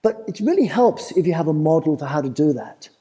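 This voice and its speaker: High-voiced Australian man giving a talk. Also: animated, brisk, mellow, rough recording. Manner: engaging, asks the crowd questions, playful. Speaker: festival presenter. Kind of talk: live talk to an audience. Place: festival talk before a live audience.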